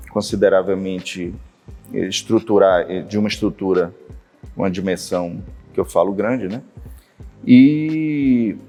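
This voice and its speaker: A man in his fifties with a Bahian Brazilian accent reflects aloud in his studio, his voice sitting at an ordinary middle pitch. He speaks in a measured, searching way and keeps checking in with little tag questions. Soft music plays faintly in the background. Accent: Bahian Brazilian Portuguese. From Salvador, Bahia, Brazil. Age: 50s. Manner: thoughtful, unhurried, frequent tag questions. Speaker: visual artist. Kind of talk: reflective interview monologue.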